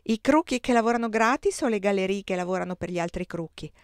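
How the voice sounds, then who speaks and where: A woman's voice: mid-range voice, expressive, fast, no room sound, lightly acted. Female reader doing an argumentative male immigrant worker, pressing questions, dry recording. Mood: insistent.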